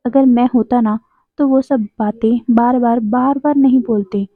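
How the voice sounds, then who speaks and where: A woman voicing a pouting young man who complains and sulks, in a rather high voice. The audio is narrow and phone-like and completely dry. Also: fairly even intonation, unhurried, no room sound. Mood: sulky. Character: sulky, irritated young man lover.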